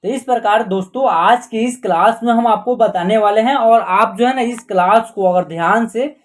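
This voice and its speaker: A man teaching an online Hindi lesson, patiently sounding out letters and words one at a time. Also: sits high. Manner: slow and patient, repeating and sounding out each letter.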